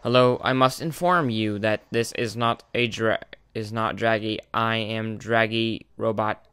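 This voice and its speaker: A man's voice: fairly low pitch, fairly even intonation, measured pace, a bit bright, smooth, no echo. A man voicing a formal, stiff robotic male dragon monster in a robot voice, saying beep aloud as he reads game dialogue.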